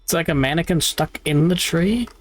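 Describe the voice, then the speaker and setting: A man giving casual, rambling livestream commentary while gaming, halting and repeating himself, with some swearing. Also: on the high side. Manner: halting, repetitive, profane. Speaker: video game streamer.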